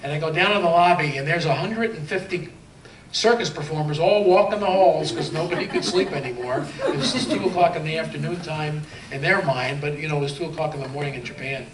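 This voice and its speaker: A man's voice: fairly high pitch, a little fast, crowd noise. A man telling a circus touring story on a convention panel, chatty and laughing through his punchlines. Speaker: panelist, former circus clown. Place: convention hall. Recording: echoey hall, distant mic, background noise.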